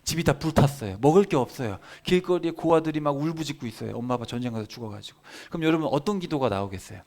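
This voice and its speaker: A man preaching a Bible sermon for children and families, explaining the text and acting out quoted prayers with lively shifts in voice. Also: on the high side, quick pace. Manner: animated, acts out quoted prayers and God's replies. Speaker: pastor. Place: church service.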